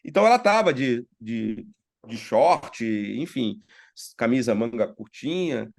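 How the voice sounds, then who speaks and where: A middle-aged man, a guest in an interview, telling anecdotes in a lively way and acting out the dialogue, his voice congested from sinusitis. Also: medium pitch, unhurried, vocal fry. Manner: animated storyteller, acts out quoted dialogue. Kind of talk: storytelling in a casual interview.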